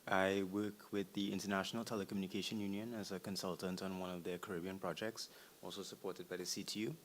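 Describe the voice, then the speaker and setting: A man's voice: deep voice, level tone, fast. A man with a Trinidadian accent introducing himself at a meeting. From Trinidad and Tobago. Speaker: youth envoy and consultant introducing himself. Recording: hissy room recording.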